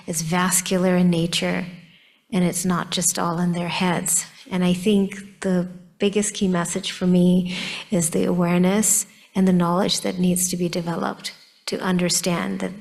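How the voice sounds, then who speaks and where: A woman speaks as a parent on a panel, slow and deliberate. Her low voice stays flat, and she stresses her points with emphasis. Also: creaky. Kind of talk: panel remarks.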